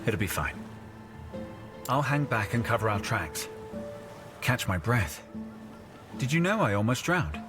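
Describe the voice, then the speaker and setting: An earnest young knight from a video game, polite and brisk in his duty. His voice sits at a middling pitch. Loud game music plays behind him. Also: very animated.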